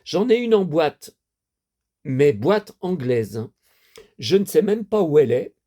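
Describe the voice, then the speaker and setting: A man's voice: a little high, big pitch swings, a little slow, mellow. A man in his fifties, a collector chatting casually to camera, rambling and repeating himself with many fillers. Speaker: toy collector vlogger.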